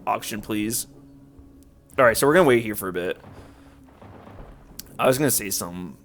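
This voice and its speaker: A let's play YouTuber with a lowish, slightly bright voice chats casually over a game at a moderate pace, his intonation lively. He rambles, packing in filler words and saying "like" constantly, while faint game music plays behind him.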